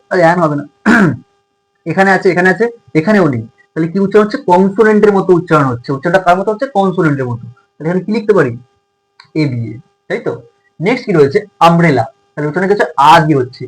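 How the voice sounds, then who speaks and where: A man's voice: a little high, rough recording. A male tutor with a Bengali accent teaching a grammar lesson, asking his students questions and answering them himself.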